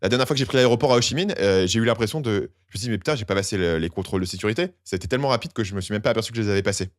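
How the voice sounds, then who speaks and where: Fast-talking young man, low voice. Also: dry recording, studio quality. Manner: animated, slangy, acts out quoted complaints. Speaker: podcast host. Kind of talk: casual podcast chat.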